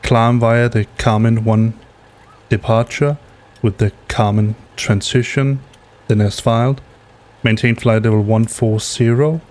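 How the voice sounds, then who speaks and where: Man flying a sim, medium-pitched voice. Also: flat delivery, measured pace, darkish tone. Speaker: flight simulator streamer acting as pilot. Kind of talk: radio readbacks and casual flight sim commentary.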